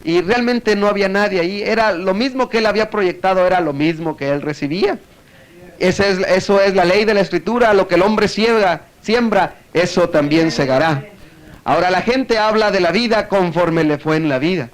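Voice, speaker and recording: A man's voice: high voice, normal speed. A man preaching a sermon, telling a story and acting out echoes, often checking in with his listeners. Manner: storytelling, acts out echoes, frequent tag questions.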